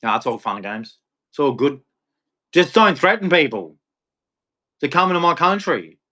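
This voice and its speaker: Speaking at normal speed with a fairly high, sing-song, sharp-toned voice, an Australian man rants to his live-stream chat. The tirade is blunt and confrontational, and he signs off with religious preaching.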